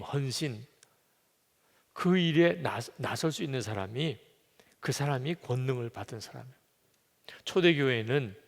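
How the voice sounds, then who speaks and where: A male pastor delivers a sermon at a middle pitch, speaking earnestly and then rising suddenly into loud, emphatic bursts. His voice carries the long reverb of a church sanctuary.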